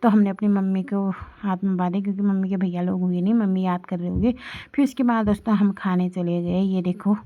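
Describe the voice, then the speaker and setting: A woman's voice: mid-range voice, steady tone, a little fast, phone-quality sound. A young woman from the Indian hills chatting casually to her viewers as she walks them through a family day. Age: young adult. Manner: chatty, showing and explaining to viewers. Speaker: vlogger. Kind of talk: casual family vlog narration.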